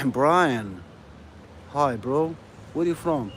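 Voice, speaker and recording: A man's voice: medium pitch, expressive, very slow, fairly bright tone. A man from Algeria, chatting casually on a live stream while walking down a city street, rambling and friendly, with "you know" and "bro" in nearly every phrase. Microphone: phone. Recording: outdoor street noise with passing traffic. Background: urban ambience and vehicles.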